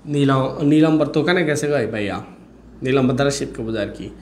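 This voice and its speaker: A man's voice: medium pitch, quick pace, darkish tone. Man teaching grammar, echoey room. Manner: drills students with repeated questions. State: tired, dry throat while fasting. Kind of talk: online class lecture.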